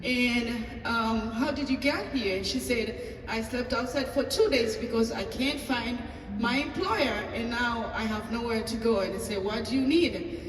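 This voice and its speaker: A woman pastor with a Tanzanian accent and a fairly high voice tells a personal story at a table talk. She acts out the dialogue and pauses on fillers. She is heard from a distance in a long, echoing hall with faint ambient noise.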